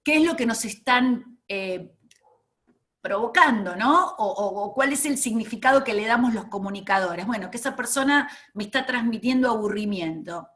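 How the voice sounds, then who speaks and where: A woman's voice: on the high side, expressive, normal speed, fairly bright tone. Enthusiastic woman giving a training lecture. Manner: enthusiastic, emphatic, many fillers.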